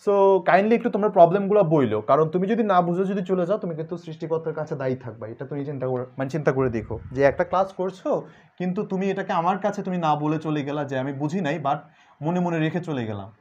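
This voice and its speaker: Young man, chatty math tutor, slightly high voice, dull lo-fi sound. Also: racing, a little mellow. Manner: chatty, mixes English words, jokes with students. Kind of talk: online calculus class.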